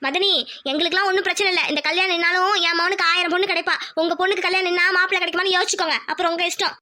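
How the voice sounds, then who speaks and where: A woman voicing a scheming, sharp-tongued village aunt in a homemade cartoon, speaking coldly and cuttingly. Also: very high-pitched, steady tone, racing, pitched below the performer's own voice. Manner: cold, cutting, threatening. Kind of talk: cartoon voice acting.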